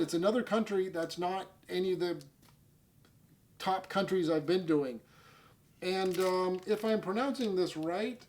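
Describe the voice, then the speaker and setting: A man's voice: sits high, a little mellow, a little hiss or hum. A man hosting a casual comedy food review show, joking at his own expense and rambling with fillers. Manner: self-mocking, jokey, rambling with fillers. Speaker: host.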